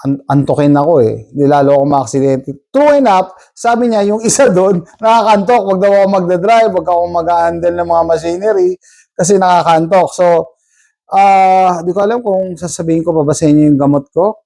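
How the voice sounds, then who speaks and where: High-voiced, mellow man telling a story. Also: fairly quick, vocal fry. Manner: chatty, rambling, tags sentences with "no?". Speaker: vlogger. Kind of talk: casual storytelling to viewers.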